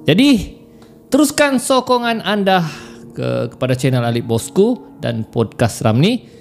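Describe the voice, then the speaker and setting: A man hosting a horror story podcast, telling the tale casually and acting out the characters' cries. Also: a little high. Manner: animated, acts out voices and cries in the telling.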